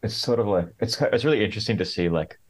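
A man's voice: fairly low pitch, animated, racing, slightly rough. A man as a podcast guest, talking casually and hesitantly, full of "like" and restarts. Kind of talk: casual interview chat.

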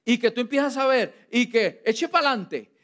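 A man with a Costa Rican accent preaching a lively sermon, playful and teasing with his congregation. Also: very high-pitched, measured pace. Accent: Costa Rican Spanish. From Costa Rica.

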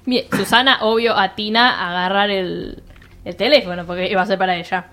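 A young woman with a Rioplatense Argentine accent telling a story to her friends in casual chat, slangy and animated, laughing often and acting out the voices of the people in it. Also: medium pitch, fairly quick. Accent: Rioplatense Argentine Spanish.

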